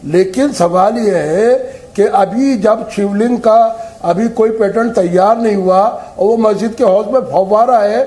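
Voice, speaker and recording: A man's voice: high voice, unhurried, darkish tone. A man arguing as a cleric guest on a heated TV news debate, repeating himself and interrupting. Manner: repetitive, insistent, keeps interrupting.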